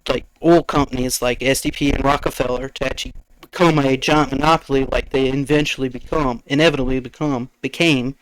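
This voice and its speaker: A man's voice: mid-range voice, fairly even intonation, a little fast, no echo, poor audio. A man co-hosting a casual podcast, arguing his side in a confident, folksy, rambling way with patriotic bluster. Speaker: podcast co-host. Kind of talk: casual debate chat.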